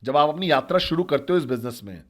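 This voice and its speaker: A man's voice: on the high side, lively intonation, fast, a bit bright. A man telling a story in a motivational talk as a network marketing trainer, speaking directly and asking the listeners questions.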